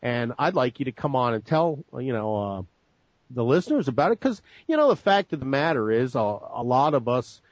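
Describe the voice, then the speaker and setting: A man's voice: medium pitch, sing-song, normal speed, dry recording, lo-fi sound. A man hosting a talk show, asking long, rambling questions and correcting himself as he goes. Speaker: host. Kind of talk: casual interview talk.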